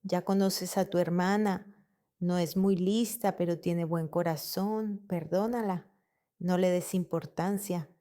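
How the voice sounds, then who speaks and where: A woman voicing a calm, patient, slightly tired father who speaks sensibly, as if explaining to a small child. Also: on the low side, slow. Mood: placating.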